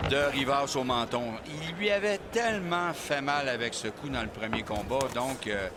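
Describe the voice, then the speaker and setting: A man with a Quebec French accent giving live boxing analysis, conversational and explanatory, repeating words as he searches for them. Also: medium pitch. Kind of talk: live colour commentary. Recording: noisy venue behind commentary.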